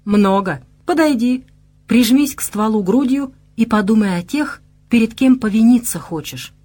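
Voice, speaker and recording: A woman's voice: fairly high pitch, lively intonation, moderate pace, warm tone, pitched above the performer's own voice. A woman voicing an old male bear who leads a band of Cossacks in an audiobook, speaking in a grave, instructive way. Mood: stern.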